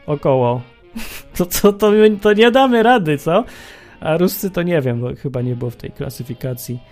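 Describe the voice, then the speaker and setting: A man's voice: on the high side, animated, moderate pace, a little mellow, soft background music. A man hosting a radio talk show, delivering an opinionated, sarcastic monologue with mocking exclamations.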